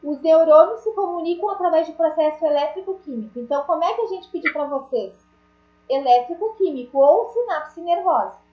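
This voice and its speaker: A woman's voice: extremely high pitch, fairly quick, roomy sound, muffled recording. A woman teacher giving an online class, chatty and joking, talking straight to her students. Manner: chatty, jokey, addresses students directly.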